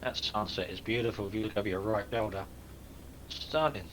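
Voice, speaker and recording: A man's voice: lowish voice, a little fast, background noise. A man on a group voice call, dropping dry joking trivia. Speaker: flight sim group member. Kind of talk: casual voice chat.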